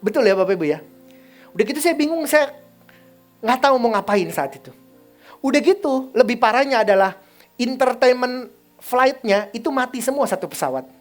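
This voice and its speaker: A man's voice: very high voice, animated, normal speed, long pauses, faint music behind. A male pastor telling a story in a sermon, chatty and often putting questions to the congregation.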